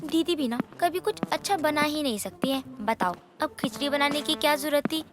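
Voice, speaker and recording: A woman voicing a blunt, fault-finding young daughter-in-law in an animated story. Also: sits high, moderate pace, natural voice. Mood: curious. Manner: blunt, snippy.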